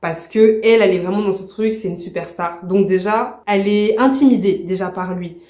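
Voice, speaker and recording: A woman chats casually about a book she is reading, animated and openly annoyed. Her talk is loose and slangy, and her pitch sits in the middle. The room gives her voice a clear echo. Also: brisk. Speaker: book vlogger. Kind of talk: casual book review chat. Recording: roomy echo.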